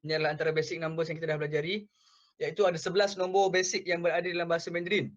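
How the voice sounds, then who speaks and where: A young man teaching a relaxed language class, explaining phrase by phrase and repeating words slowly. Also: on the high side, dull audio. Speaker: Mandarin language tutor.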